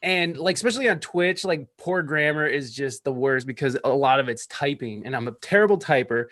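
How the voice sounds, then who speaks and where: A man's voice: mid-range voice, a little fast, no echo. Rambling thirtysomething man, dry close mic. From California. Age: 30s. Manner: energetic, rambling, stammering restarts. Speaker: podcast host as guest. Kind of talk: casual interview chat. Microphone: podcast microphone.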